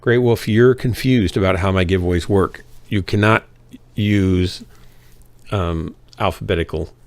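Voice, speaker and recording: A man's voice: low voice, measured pace, no room sound. A man hosting a live game stream, chatting casually in a joking, drily teasing way. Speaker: streamer and host.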